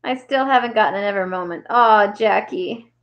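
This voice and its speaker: A woman's voice: medium pitch, moderate pace, a bit bright. A woman hosting a casual crafting livestream, chatting with viewers and reading their comments aloud with frequent laughs.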